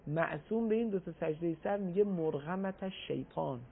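A man giving a religious talk on a broadcast program, explaining patiently and reciting Arabic phrases slowly. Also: sits high, creaky, slight background noise. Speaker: religious speaker. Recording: tinny phone-like broadcast audio.

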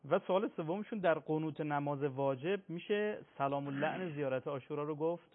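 A man hosting a radio call-in show, courteously relaying callers' questions to a cleric. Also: on the high side. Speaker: radio host. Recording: phone-like radio broadcast sound.

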